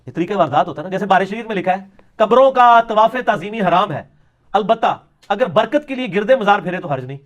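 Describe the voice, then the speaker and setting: High-voiced man lecturing sarcastically. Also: animated, dull audio. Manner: sarcastic, mocking, lapses into Punjabi quips. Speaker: religious speaker. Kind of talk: polemical religious lecture.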